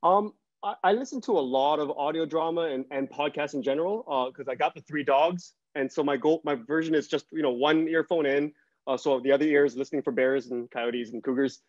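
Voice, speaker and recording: A middle-aged guest writer and podcaster with a somewhat high voice speaks conversationally on a panel, reflective and hesitant, telling his points through anecdotes. He's on a video call with earbuds in a small, bright home room, and the dry recording sounds dull and lo-fi.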